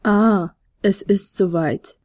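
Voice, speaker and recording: A woman's voice: mid-range voice, no echo, clean studio sound, lightly acted. Woman putting on a wise noble winged horse, Pegasus. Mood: knowing. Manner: slow, knowing and calm.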